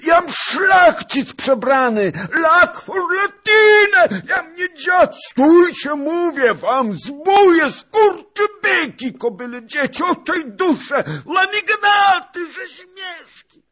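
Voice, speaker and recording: A man voicing a blustering old nobleman disguised as a beggar, shouting curses in a high, strained voice. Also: big pitch swings, takes it slowly, exaggerated voice.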